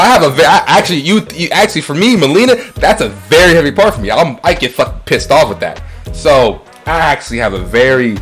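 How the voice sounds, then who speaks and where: This man has a lowish, slightly bright voice. He's co-hosting a podcast, chatting casually and profanely about movies, rambling and repeating his phrases.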